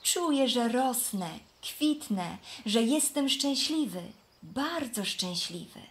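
A woman's voice: on the high side, expressive, slow, a little hiss or hum. A woman voicing a naive, cheerful young flax plant in a children's storybook. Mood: joyful. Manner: gentle, earnest.

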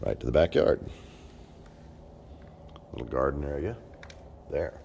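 A man giving a relaxed, plainspoken walkthrough tour of an empty house, filmed on a handheld phone. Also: a bass voice, creaky, dull audio, noisy background. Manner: relaxed, plainspoken, with frequent pauses and fillers. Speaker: real estate agent. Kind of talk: casual walkthrough tour narration. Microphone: handheld phone camera. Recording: echoey empty rooms.

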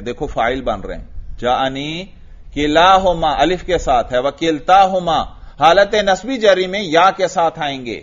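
A man with a Pakistani Urdu accent teaching Arabic grammar in a classroom lecture, asking questions and answering them himself, and reciting Arabic examples slowly. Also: on the high side. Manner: drills students with questions and answers. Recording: dull lo-fi recording.

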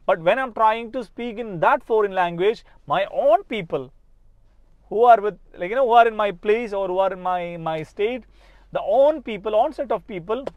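A man in his thirties from Kerala, India, speaks with a Malayali English accent in a high voice, with no room sound and the highs cut off. He's a spoken English coach giving a casual, earnest motivational talk straight to camera from inside a parked car, often restarting his phrases. He's recorded on a lapel mic.

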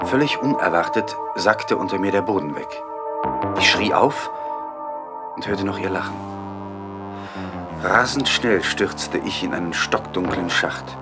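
An actor playing a steadfast ghost hunter in a horror audio drama, grave and tense as he speaks and narrates. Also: low voice. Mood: tense narration. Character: steadfast male ghost hunter hero telling his story.

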